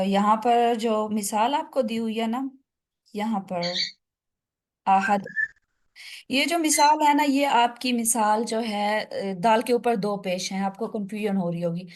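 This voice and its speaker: Woman tajweed teacher, higher voice, patient step-by-step explainer on a video call. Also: a little mellow. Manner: explains step by step, asks students questions. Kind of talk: online class teaching. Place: online video call class.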